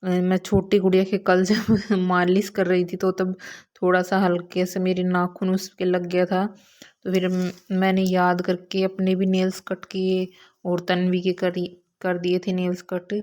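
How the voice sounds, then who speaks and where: A woman and mother telling her daily routine in a calm, casual vlog narration, with many small filler words. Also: on the low side, a little slow. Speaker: mother vlogger.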